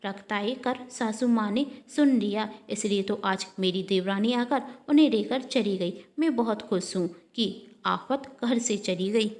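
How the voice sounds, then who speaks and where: A woman's voice: mid-range voice, measured pace, darkish tone, lightly acted. A woman voicing a selfish young daughter-in-law who complains and gossips. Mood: gleeful.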